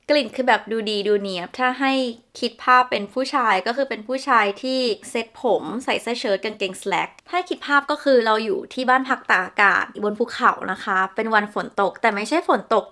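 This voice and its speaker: A woman's voice: on the high side, fairly bright tone. A young woman chatting casually through a perfume review, descriptive and gushing, with polite particles. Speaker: beauty vlogger.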